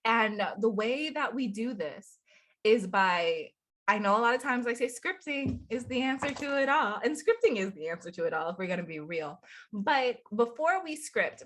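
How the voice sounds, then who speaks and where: A woman's voice: medium pitch, a bit bright. A young adult woman with a congested voice, talking casually to camera as a spiritual coach, chatty and upbeat with frequent laughs. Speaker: spiritual coach and channel host.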